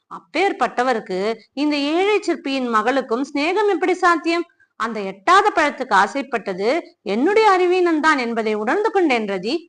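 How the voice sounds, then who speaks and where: A proud young dancer from a storybook tale, wounded and bitterly reproachful toward her beloved, voiced by a woman. The reader's fairly high voice carries her. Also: a bit bright. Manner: bitter, reproachful, near tears.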